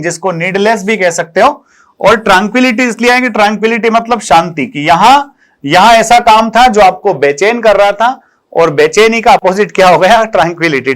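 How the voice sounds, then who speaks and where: Young male exam-prep tutor, fairly high voice, affectionate and repetitive question-and-answer teaching. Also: fairly bright tone. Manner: addresses students fondly as "beta" and "bachche", asks and answers his own questions. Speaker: English vocabulary teacher. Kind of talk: online exam-prep lesson.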